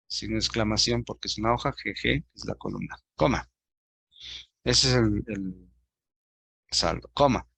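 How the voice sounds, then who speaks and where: A man's voice: fairly low pitch, vocal fry, bright, forceful tone, no room sound. A man teaching an online class, patiently explaining step by step and addressing his students directly.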